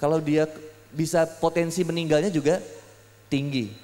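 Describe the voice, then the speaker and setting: A young man preaching a sermon, joking and telling lively stories to his audience. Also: a little high, normal speed, long reverb tail. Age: young adult. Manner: lively, joking storytelling with voiced asides. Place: public hall gathering.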